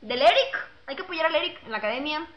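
A woman's voice: high-pitched, expressive, fast, dull audio. A young woman with a Mexican accent chatting casually over a webcam, telling jokes, singing and reading out fan messages in a slangy way. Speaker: singer chatting with fans. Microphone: webcam mic.

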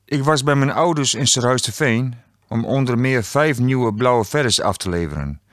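Male author narrating own novel; dry studio sound, middle pitch, wry delivery. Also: lively intonation, normal speed, no room sound. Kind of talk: audiobook narration. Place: recording studio.

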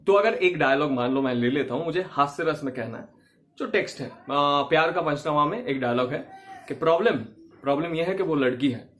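A man teaching acting in a casual, chatty way, laughing often and acting out sample lines. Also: fairly high pitch.

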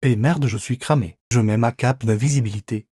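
A man's voice: medium pitch, fairly quick, music in the background, lightly acted. A man voicing a cheeky, boastful pet ferret in a playful, mock-dramatic comic voice-over.

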